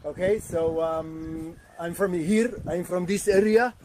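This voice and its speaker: Earnest, animated Israeli man, high-pitched. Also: slow, a little hiss or hum, rough recording. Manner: earnest, animated storytelling with hesitations. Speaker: guest, activist. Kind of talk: casual roundtable talk.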